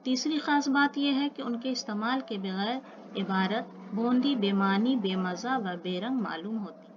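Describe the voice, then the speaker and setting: A woman teaching an online grammar lesson, explaining slowly with repeated examples and speaking to her students as children. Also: a little high, muffled recording, background noise.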